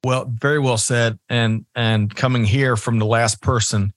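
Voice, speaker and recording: A man's voice: mid-range voice, fairly even intonation, unhurried, no room sound, studio quality. A man hosting a talk show, chatty and upbeat as he introduces guests and banters. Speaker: podcast host. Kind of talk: casual interview chat.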